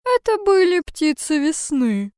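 A woman voicing a wise old owl with grey feathers, telling a tale in a slow, drawn-out, wondering tone in a storybook reading. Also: sits high, sing-song, darkish tone, no echo, studio quality, pitched above the performer's own voice. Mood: wistful.

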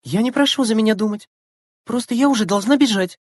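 A reader voicing a brisk, impatient schoolgirl who answers curtly and coolly in an audiobook. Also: medium pitch, dry recording, studio quality, voice pushed up, lightly acted. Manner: curt, cool replies. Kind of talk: audiobook character voice.

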